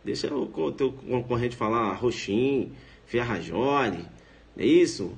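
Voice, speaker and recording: A man with a Brazilian accent, a law professor giving a casual live online lecture in a slangy, playful way, often tagging his sentences with quick questions. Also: mid-range voice, lively intonation, vocal fry.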